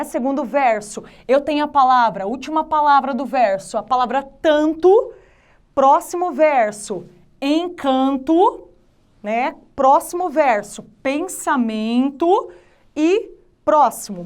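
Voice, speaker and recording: A Brazilian Portuguese-speaking woman teaching literature in an online exam-prep lesson, explaining step by step and checking in often with her students. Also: high-pitched. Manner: patient, explanatory, checks in often with tag questions.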